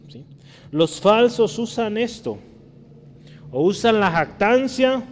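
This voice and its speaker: A man's voice: on the high side, a little mellow, long reverb tail. A man with a Mexican Spanish accent preaching a conversational sermon, often checking in with his listeners. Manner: conversational teaching, frequent tag questions.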